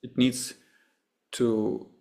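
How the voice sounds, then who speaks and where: A man from Russia with a Russian accent, a meditation teacher answering questions after a session, halting and often restarting as he searches for words. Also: medium pitch, little pitch movement, vocal fry, a little mellow.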